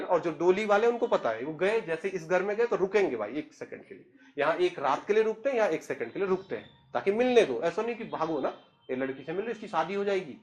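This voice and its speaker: A man, telling a story in a chatty, humorous way and speaking straight to the listener. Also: high voice. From Uttarakhand, India. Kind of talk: casual spoken storytelling.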